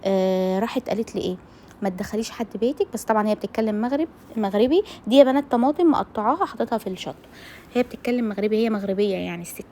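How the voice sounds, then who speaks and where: A woman's voice: medium pitch, very fast, dark tone, slight background noise. A woman with an Egyptian Arabic accent, chatting while she cooks in her home kitchen. She talks outspokenly and straight to her female viewers. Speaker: cooking vlogger. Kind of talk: casual chat while cooking.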